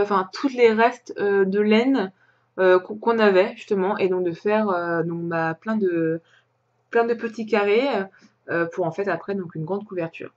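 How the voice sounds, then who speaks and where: A woman from France hosting a crafting podcast, chatting casually and hesitantly with plenty of pauses and restarts. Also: medium pitch, muffled recording. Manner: hesitant, many fillers and restarts, chatty with light laughs. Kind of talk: casual show-and-tell chat.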